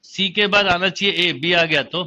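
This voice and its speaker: A man's voice: high-pitched, normal speed, bright, forceful tone. A man teaching a math lesson online, explaining step by step and quizzing his students as he goes. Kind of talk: online exam-prep lecture.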